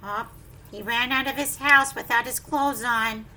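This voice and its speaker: Speaking a bit slowly in a fairly high voice, this teacher brings a story to life for young children, singing her lines, exclaiming and regularly quizzing them. Light background noise is audible.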